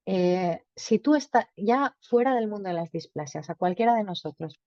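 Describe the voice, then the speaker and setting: A woman's voice: mid-range voice, lively intonation, normal speed, no echo, muffled recording. A woman psychologist giving an informal talk to parents, explaining patiently and acting out short dialogues.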